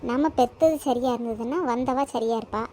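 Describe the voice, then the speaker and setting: A high-voiced, grumbling mother-in-law who sulks and complains, played by a woman in a comedy skit. She nags endlessly and pities herself at every turn. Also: brisk, a little hiss or hum, natural voice. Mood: resigned. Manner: grumbling, whiny, self-pitying. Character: nagging self-pitying older mother-in-law. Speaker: comedy sketch actor.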